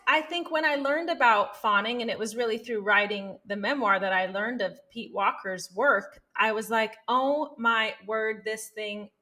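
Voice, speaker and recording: In this conversational interview, a woman who is a psychologist and author talks as a podcast guest. Her mid-range voice comes across pushed and bright, and she speaks with earnest animation, often asking "right?".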